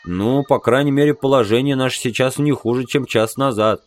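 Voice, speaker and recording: A man voicing a gruff, cynical tough soldier who talks bluntly. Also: mid-range voice, fairly quick, close to an everyday voice.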